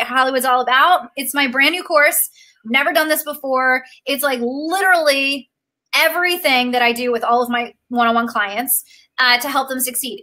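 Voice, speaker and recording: A young woman with a high, bright voice pitches her coaching course on a live stream. She gushes with emotion and fills her speech with "like" and "um". Her tone is upbeat and she talks straight to her viewers. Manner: gushing, emotional, filler-heavy with frequent "like". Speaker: acting career coach.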